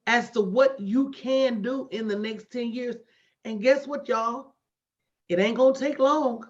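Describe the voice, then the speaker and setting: A high-voiced woman in her late 40s, a motivational business coach, gives a motivational coaching talk to a live online audience on her livestream. She's emphatic, repeating herself like a preacher, speaking straight to listeners with folksy slang. The sound is dull and lo-fi.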